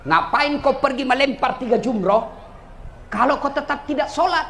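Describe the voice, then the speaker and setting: A man's voice: extremely high pitch, moderate pace, a bit bright, a little hiss or hum. A man with a Bugis-Makassar Indonesian accent preaching a humorous sermon, joking with and teasing the audience. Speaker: Islamic preacher.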